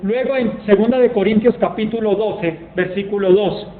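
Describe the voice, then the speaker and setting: A man delivers a sermon with emphatic storytelling, reading scripture passages aloud in a high voice. The sound is thin and phone-like, bouncing around a roomy church hall with a faint hiss behind it. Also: normal speed. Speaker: preacher.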